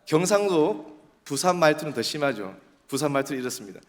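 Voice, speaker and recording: A man with a Daegu Gyeongsang accent preaching an animated revival sermon in a church, leading the congregation in call-and-response. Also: on the high side, fairly quick. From Daegu, South Korea. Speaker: pastor. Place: church sanctuary. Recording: long church hall reverb.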